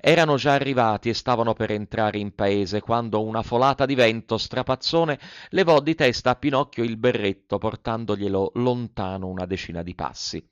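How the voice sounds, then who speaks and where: A man's voice: on the low side, moderate pace, hardly any pauses, smooth, no echo. A man narrating a classic tale as an audiobook, telling it expressively. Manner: expressive storytelling, voices the characters. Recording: dry, slightly dull recording.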